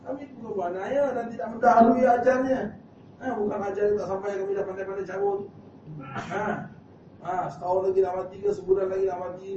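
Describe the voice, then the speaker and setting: A man's voice: high-pitched, big pitch swings, a little fast, vocal fry, mellow, full character voice. A man voicing the angel of death as a stern male figure who insists he did no wrong, with rising, emphatic declarations. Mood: insistent. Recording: echoey hall, distant mic, dull lo-fi sound with hiss.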